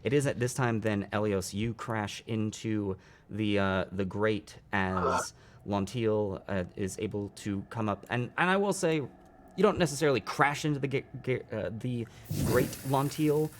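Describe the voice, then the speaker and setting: A man narrating a live tabletop game as dungeon master, unhurried and halting, with many fillers. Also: fairly low pitch, a little hiss or hum.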